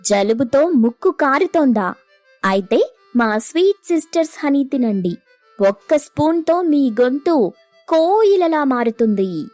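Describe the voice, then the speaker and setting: A woman voicing a vain, talkative young daughter-in-law in an animated story, sassy and boastful. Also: high-pitched, a little slow, dry recording, soft background music. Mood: hawking. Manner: sassy, boastful, loud hawking.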